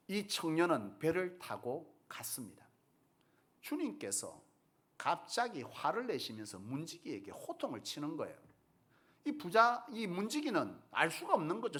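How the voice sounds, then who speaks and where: A man's voice: fairly high pitch, fairly bright tone, slightly rough. A male pastor preaching a sermon, telling a parable and posing rhetorical questions to the congregation. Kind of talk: sermon storytelling.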